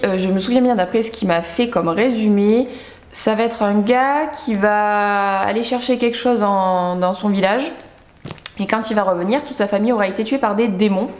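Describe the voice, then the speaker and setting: A young woman with a medium-pitched, darkish voice talks at a moderate pace about books she recently bought. As a book vlogger doing a casual haul, she is chatty and self-mocking with many fillers, recorded in an echoey room.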